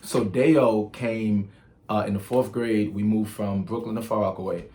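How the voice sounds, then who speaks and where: A man's voice: on the low side, fairly even intonation, unhurried, a little mellow. A man from Nigeria, hosting his own channel and telling stories in a casual, chatty way full of ums. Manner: chatty and storytelling, with filler ums and restarts. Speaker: channel host. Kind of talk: casual vlog monologue.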